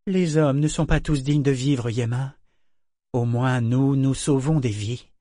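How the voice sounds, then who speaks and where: A man's voice: a little high, level tone, moderate pace, darkish tone, no echo, studio quality, voice pushed up, natural voice. A man voicing a fierce, eager female ship figurehead who speaks in a hard, urgent way.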